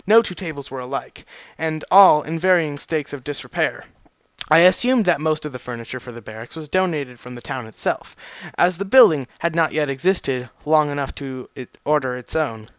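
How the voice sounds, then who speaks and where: A man's voice: on the high side, moderate pace, clean tone, no echo. A man reading a fan story aloud, breaking off into laughing, rambling asides to his listeners. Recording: dry, slightly dull home recording.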